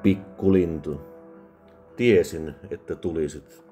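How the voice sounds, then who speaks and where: A man voicing a drunk, bitter, menacing soldier with a drunken rasp, harsher and louder than his narration. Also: deep voice, faint music behind, close to an everyday voice.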